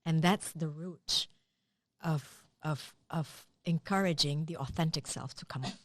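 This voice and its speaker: A woman's voice: sits low, slow pace, no echo. A woman speaking as a podcast guest, thoughtfully explaining ideas step by step with everyday examples. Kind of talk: explanatory casual conversation.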